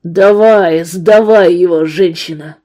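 A woman's voice: lowish voice, a little slow, dark tone, natural voice. A woman reading the lines of a brutal, threatening male ex-convict gunman in an audiobook, barking coarse threats. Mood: menacing.

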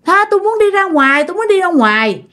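Brief: woman doing a possessed old grandmother, shrill and wailing, pitch swooping high. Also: big pitch swings, fast talker, a bit bright, full character voice. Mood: pleading. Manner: shrill, scolding, lamenting.

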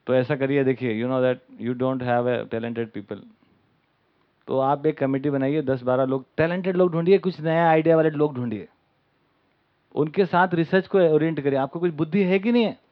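A man's voice: mid-range voice, moderate pace, close to an everyday voice. A man voicing a haughty, condescending corporate donor who scolds and talks down to people. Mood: scolding. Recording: dull lo-fi recording.

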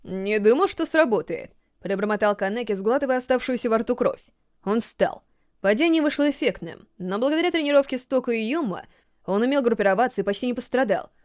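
A woman reading a story aloud in a steady, measured audiobook narration. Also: a little high, no room sound, studio quality. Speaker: audiobook reader.

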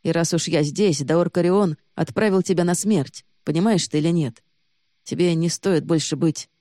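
A woman reading the lines of a young man who is harsh and reproachful, then hushed and urgent. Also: on the low side, normal speed, no room sound, clean studio sound, natural voice. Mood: angry. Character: young man, accusing, then desperately protective.

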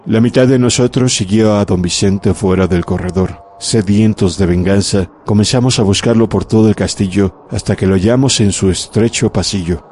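A man narrating a horror audiobook in a measured, dramatic way. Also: fairly low pitch, a little mellow, slight background noise. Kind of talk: scripted narration of a horror story.

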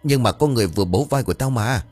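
A man's voice: medium pitch, expressive, very fast, a little mellow, husky. A scared young village boy with a raised, stammering voice that keeps insisting, as a man acts him out. His lines rise above the narration. Faint music sits underneath. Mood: frightened.

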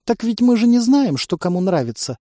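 A man voicing a frightened, naive female alien captive in an audiobook, with a squeaky, puzzled, childlike manner. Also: lively intonation, normal speed, mellow, no echo, clean studio sound. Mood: squeaky bewildered.

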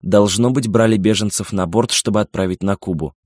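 A male audiobook narrator with a lowish voice reads a novel in steady, measured storytelling. The recording is dry and close, with no room sound at all. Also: no room sound.

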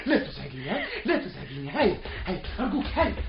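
An actor playing a nervous, pleading widower who stammers and frets in an old radio drama. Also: male voice, high voice, big pitch swings, rapid-fire, crowd noise. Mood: flustered. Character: flustered middle-aged widower, nervous and pleading. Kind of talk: 1960s-era Arabic radio drama acting. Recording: dull lo-fi old radio recording with faint noise.

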